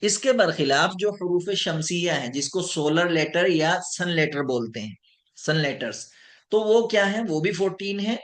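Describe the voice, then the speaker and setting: Slow, precise man teaching a lesson. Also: high voice, expressive. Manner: slow, deliberate, drawing out example words; checks in with students, addressed as sir. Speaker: Arabic teacher. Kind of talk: online language lesson.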